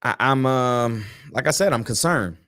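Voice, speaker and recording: A sleepy, yawning sports podcast host talks casually about an upcoming game on his fan show, using slang, repeated words and restarts. His voice is medium-pitched and fairly bright, at a measured pace.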